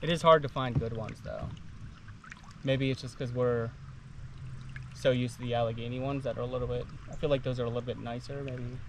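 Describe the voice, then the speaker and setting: A man's voice: mid-range voice, fairly even intonation, brisk, creaky, a little hiss or hum. A man on a canoe camping trip, casually describing riverside campsites as he paddles, outdoors on a river.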